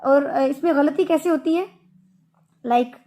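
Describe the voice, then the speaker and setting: Slow, high-voiced woman teaching tajweed. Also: a little mellow. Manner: slow, patient explaining with drawn-out Arabic examples. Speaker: Quran recitation teacher. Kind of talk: online tajweed lesson.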